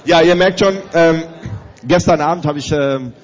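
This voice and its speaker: Speaking to an audience in a large conference hall, a man hosting a youth leaders' event energetically hands out instructions. A cold makes his voice slightly strained. It sits on the high side at a moderate pace, with the highs cut off.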